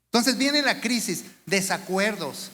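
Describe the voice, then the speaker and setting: A pastor preaches a lively sermon in a high, bright voice. He fires off rhetorical questions and slips into the voices of the people he quotes. His words ring through a church hall with a faint room hum behind them. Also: unhurried. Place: church sanctuary.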